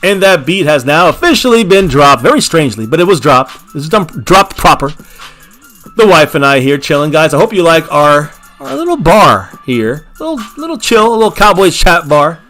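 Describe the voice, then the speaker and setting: Faint music plays behind a man whose slightly high, somewhat bright voice is very animated, though his speed stays normal. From his small home bar, he signs off a casual fan livestream, thanking viewers by name, calling them "baby," and repeating his catchphrases with hype.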